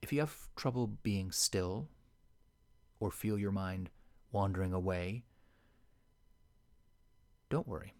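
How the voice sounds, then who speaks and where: A man leading a guided meditation in a soft, slow and soothing voice that sometimes sinks to a whisper. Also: low voice.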